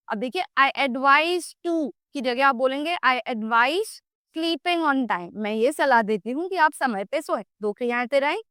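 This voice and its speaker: A woman teaching English grammar, explaining in Hindi and repeating English example sentences slowly and with emphasis. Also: on the high side, a bit bright, no room sound, clean studio sound. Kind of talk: bilingual grammar lesson.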